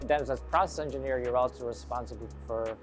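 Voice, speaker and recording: Bloke hosting a work interview, normal pitch, soft music under it. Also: male voice, fairly even intonation, fast talker. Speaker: host.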